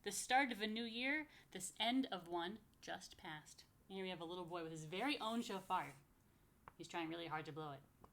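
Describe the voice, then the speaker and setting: Reading a picture book to young children, this American woman, a rabbi and story time host, mixes in chatty comments and playful questions. She speaks at an ordinary pace in a lowish, slightly bright voice.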